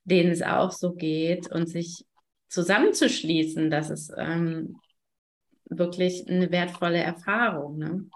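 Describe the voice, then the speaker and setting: A woman hosting a conversational interview, her voice sitting a little low. She talks in a gentle, reflective way, affirming her guest and tagging thoughts with a soft "ne?". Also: fairly even intonation, a little slow. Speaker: podcast host.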